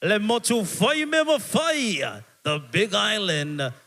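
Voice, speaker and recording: MC at a live stage show: male, Samoan accent, high voice, rallying announcements to the crowd. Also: expressive, slow pace, bright, forceful tone. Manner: hyping the crowd. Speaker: event MC. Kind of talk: live stage announcing, switching between two languages.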